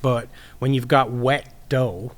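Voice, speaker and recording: A man's voice: medium pitch, steady tone, slow. A man, a podcast guest chatting casually and explaining his baking with many fillers. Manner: rambling, explanatory, lots of fillers. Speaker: podcast guest, sourdough baker.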